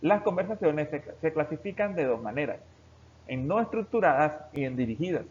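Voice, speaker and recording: A man's voice: fairly high pitch, normal speed. A man teaching a recorded class, explaining step by step and talking directly to his students. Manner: steady explanatory delivery, addressing students directly. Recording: dull lo-fi recording with faint background hiss.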